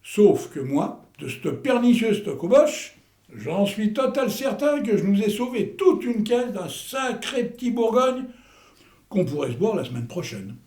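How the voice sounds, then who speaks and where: Male actor as boastful old veteran, hammy stage delivery, creaky and fairly high-pitched, echoey room. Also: very animated, unhurried, a little mellow, heavily acted. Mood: jovial, boastful. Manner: hammy, theatrical stage delivery with florid slang. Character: Hector, boastful old war veteran and amateur playwright. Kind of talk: theatrical comedy acting.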